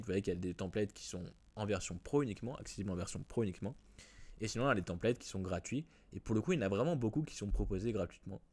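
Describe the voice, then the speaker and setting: Low-voiced man talking through a tutorial. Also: a little mellow. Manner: casual, many fillers and restarts. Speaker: WordPress tutorial host. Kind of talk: screen-recorded software tutorial.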